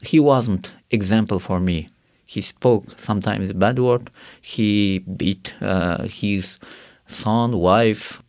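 In a dry studio with no room sound, a man from Karakalpakstan, Uzbekistan, speaks English, not his first language, as a guest giving personal testimony. His fairly low, darkish, gravelly voice sounds earnest, halting, and full of fillers.

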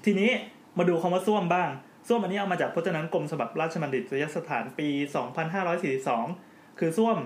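A man's voice: sits high, expressive, quick pace. A man hosting a podcast in casual chat, joking as he explains at length. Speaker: podcast host. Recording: roomy with faint background noise.

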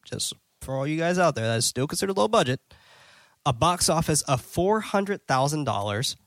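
A man's voice: a little high, very animated, moderate pace, fairly bright tone, no room sound. A man hosting a casual movie-review podcast, recapping a plot in a loose, filler-heavy way and swearing now and then. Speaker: podcast host.

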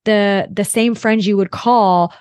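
A woman's voice: medium pitch, fairly even intonation, slow pace, a little mellow, dry recording. A woman in her late thirties, a podcast guest chatting over a video call and acting out her own thoughts in quotes. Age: late 30s. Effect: heard over a video call. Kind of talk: casual interview chat.

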